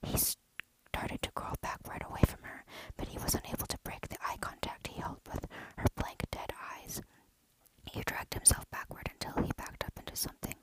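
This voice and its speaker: A storyteller reading a dark horror story aloud in a steady, hushed whisper. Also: normal speed, low-quality recording.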